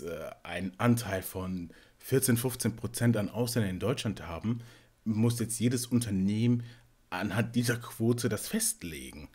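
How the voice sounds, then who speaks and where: A man from Togo, a panelist in a casual discussion, talking in a measured, analytical way. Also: fairly low pitch, a little mellow, slightly rough.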